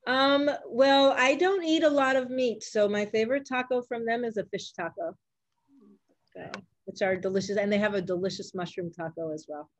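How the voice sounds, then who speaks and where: A slightly high voice at a moderate pace comes through dull, dry audio. It belongs to an older grandmother, a doctor from Puerto Rico or Puerto Rican family whose first languages are Spanish and English, casually answering interview questions with simple encouragement for children.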